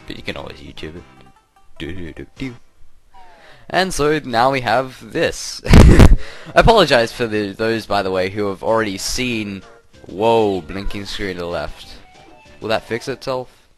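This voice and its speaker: A man's voice: fairly low pitch, fairly bright tone. A young man doing casual, rambling let's play commentary, often cutting himself off. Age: young adult. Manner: rambling, self-interrupting, chuckly.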